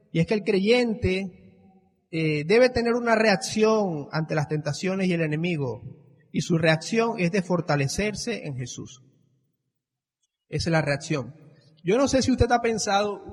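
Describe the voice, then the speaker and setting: Emphatic high-voiced preacher in a reverberant church. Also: male voice, husky. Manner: animated, emphatic, acts out quoted voices. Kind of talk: sermon.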